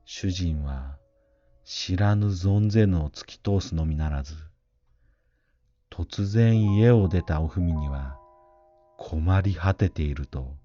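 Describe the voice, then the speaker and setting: 低く沈んだ声で怪談を語る男性. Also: male voice, low voice, takes it slowly, long pauses, warm tone, highs cut off, faint music behind. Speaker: storyteller. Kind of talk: scripted narration of a Japanese ghost story.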